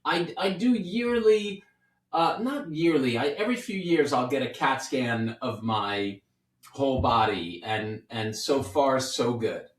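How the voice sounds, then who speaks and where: A man's voice: medium pitch, animated, measured pace, distant mic. A man in his fifties from New York City, a doctor hosting a casual podcast, chatty and playful, rambling with restarts. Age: 50s. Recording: roomy sound, set back from the mic.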